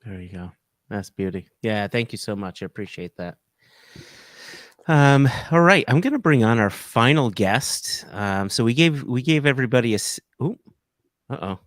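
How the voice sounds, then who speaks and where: A man's voice: mid-range voice, lively intonation, normal speed, a bit bright, dry recording. Joking male host, dry sound. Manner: joking, stumbling, self-correcting. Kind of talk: casual live-stream hosting.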